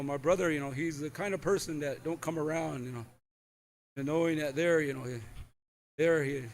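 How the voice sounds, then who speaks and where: Halting middle-aged man speaking over event noise. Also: a little high. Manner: halting, repetitive, with frequent "you know". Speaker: powwow speaker calling up honorees. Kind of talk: ceremonial thank-you speech. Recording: noisy live event with ambient sound.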